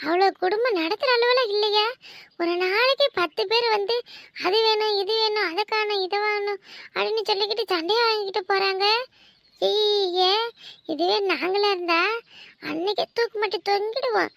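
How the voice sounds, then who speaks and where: Nosy village gossips in a cartoon, voiced by a woman, trading spiteful talk about the neighbours. The voice is very high-pitched and dry, recorded close with no room sound. They sneer and tut as they talk. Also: normal speed, a bit bright, dry recording. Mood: gossipy. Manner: gossipy, scornful. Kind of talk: cartoon voice acting.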